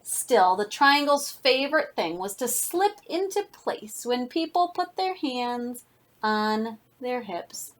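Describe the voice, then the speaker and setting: A woman reading a children's picture book aloud as a teacher, with deliberate, expressive emphasis. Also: a little high. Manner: deliberate, expressive, dramatic emphasis for young listeners. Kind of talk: read-aloud children's storytelling.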